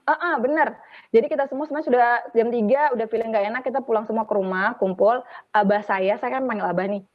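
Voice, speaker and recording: A young woman from Palu, a radio announcer, telling her own story in a casual interview with animated, run-on sentences. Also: fairly high pitch, fast, no echo. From Palu, Central Sulawesi, Indonesia. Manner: animated, recounts events in long run-on sentences. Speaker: radio announcer and podcast guest. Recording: tinny phone-like line, dry.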